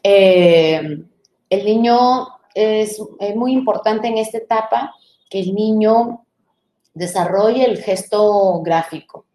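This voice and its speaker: A woman's voice: mid-range voice, dark tone, a little hiss or hum. Woman lecturer sounding out syllables, echoey. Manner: explanatory, sounds out syllables slowly, asks rhetorical checks. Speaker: teacher trainer. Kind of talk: live online lecture.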